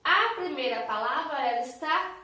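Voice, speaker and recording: A Brazilian Portuguese-accented woman, a kindergarten teacher, gives a slow, sing-song, encouraging online lesson to young children. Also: sits high, lively intonation, sharp tone. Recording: very echoey room.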